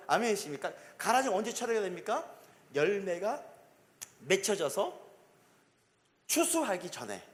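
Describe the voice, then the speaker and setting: Male pastor, emphatic call-and-response sermon; high, animated voice in a reverberant sanctuary. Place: church sanctuary. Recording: long reverb of a church hall.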